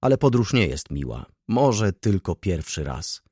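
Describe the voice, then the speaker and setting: A man voicing a brooding, jealous middle-aged merchant who thinks gloomily and explains calmly in an audiobook. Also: low-pitched, a little slow, husky, dry recording, studio quality, exaggerated voice. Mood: explaining.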